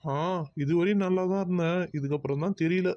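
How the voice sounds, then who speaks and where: A man's voice: high voice, brisk, warm tone, no room sound, muffled recording, natural voice. A man voicing an exasperated young man who grumbles and sighs about being pushed into marriage in a cartoon. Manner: grumbling, sighing.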